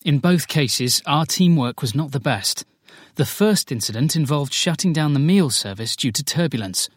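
A man playing a firm, businesslike senior flight attendant in a scripted lesson dialogue, articulating clearly. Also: a little high, lively intonation, normal speed, dry recording, studio quality. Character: male senior cabin crew leader, firm and businesslike.

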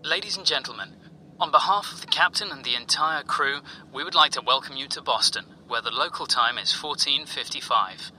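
A man playing a flight attendant, giving a formal, polite, scripted airline cabin announcement in a measured way. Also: medium pitch, pushed and bright, a little hiss or hum, rough recording. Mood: formal, courteous.

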